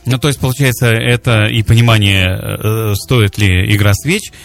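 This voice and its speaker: A man's voice: on the low side, steady tone, moderate pace, creaky, soft background music. A male radio host presenting a live morning show on air, addressing listeners over the radio from a studio.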